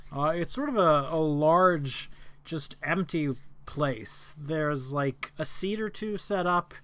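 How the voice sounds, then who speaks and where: A man's voice: on the high side, slow pace, sharp tone. A man narrating as game master of a tabletop game, hesitant and searching for words.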